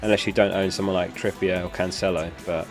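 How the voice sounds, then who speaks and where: A young male host talks quickly over music in a low voice with a flat delivery. He's running a live stream, chatting casually and taking questions from chat as his lost voice comes back.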